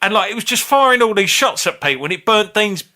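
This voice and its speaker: A man in casual comedic banter on a podcast, with a fairly high voice that swings a lot in pitch. His tone is bright and forceful, and he talks in an animated, sweary way. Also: fast. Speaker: podcast co-host.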